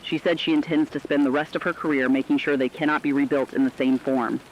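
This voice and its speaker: Over dull, faintly noisy lo-fi radio audio, a man plays a sober correspondent relaying what survivors told him, reading a scripted documentary-style report in a plain way. He talks fast in a steady tone, and his near-everyday voice sits on the high side.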